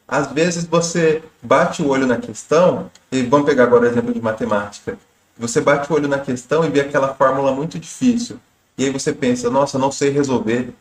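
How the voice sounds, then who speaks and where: A man's voice: fairly high pitch, roomy sound. A man with a Brazilian Portuguese accent, giving a recorded exam-prep lesson and explaining tips patiently, with some repetition.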